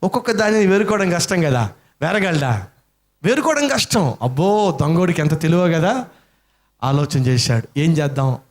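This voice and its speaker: భావోద్వేగంగా కథ చెప్పే బోధకుడు. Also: male voice, high-pitched, big pitch swings, normal speed. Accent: Telugu-speaking Indian. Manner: dramatic storytelling, acting out voices, rhetorical questions to the congregation. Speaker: preacher. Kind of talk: sermon with storytelling.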